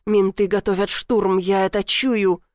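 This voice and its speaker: A woman's voice: mid-range voice, level tone, measured pace, darkish tone, dry recording, lightly acted. Woman doing a menacing thug boss, hisses and barks, dry close sound. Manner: hissing, barking threats. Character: brutal male gang leader, hotheaded and menacing.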